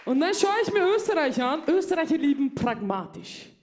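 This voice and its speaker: A woman's voice: high-pitched, very animated, brisk, a little mellow, a little hiss or hum. A woman, doing a stand-up comedy set in a club and confiding in the crowd. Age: 30s. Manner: chatty, confiding, addressing the crowd directly.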